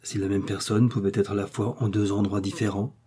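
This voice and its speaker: A man's voice: lowish voice, little pitch movement, fairly quick, warm tone, lightly acted. A man voicing a timid, easily frightened innkeeper who pleads in a fluster. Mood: musing.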